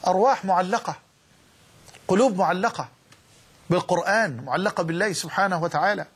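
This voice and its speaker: Husky high-voiced Egyptian preacher. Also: male voice, fairly quick, fairly bright tone. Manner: fervent, repeats phrases for emphasis. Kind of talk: sermon.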